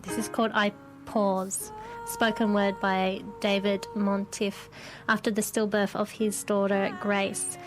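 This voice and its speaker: A woman hosting a podcast, calmly introducing a clip in a gentle, measured way. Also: mid-range voice, music in the background, low-quality recording. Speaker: podcast host. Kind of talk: podcast narration.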